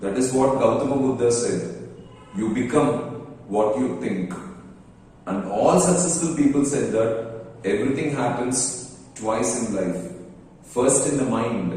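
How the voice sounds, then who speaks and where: A man with a Telugu accent giving a motivational exam-prep English lesson, slowing down to stress English phrases. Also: medium pitch, warm tone, heavy reverb, long reverb tail, recorded from a distance, slight background noise, poor audio. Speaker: English teacher.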